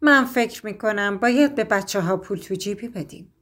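A woman voicing a calm, patient mother bear in a storybook reading. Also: mid-range voice, lightly acted.

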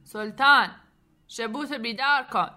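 Woman playing a gruff, barking boat captain. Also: mid-range voice, expressive. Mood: shouting. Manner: barking loud commands. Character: gruff shouting boat captain, grown man, stern.

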